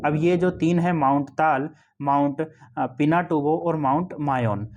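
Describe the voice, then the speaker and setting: A man with a fairly high voice teaches exam-prep memory tricks. He walks through each one patiently, repeats key phrases and keeps checking in with the listener. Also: measured pace, darkish tone, slight background noise.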